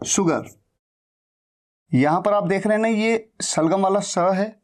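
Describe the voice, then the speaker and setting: A man teaching English phonics, who demonstrates each sound slowly and repeats it many times. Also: high voice. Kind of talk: teaching lesson.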